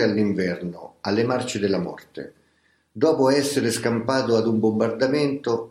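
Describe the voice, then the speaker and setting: A man reading a memoir aloud as scripted audiobook narration, in a slow, grave, measured way. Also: fairly low pitch, a little mellow. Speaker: reader of a memoir. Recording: roomy echo.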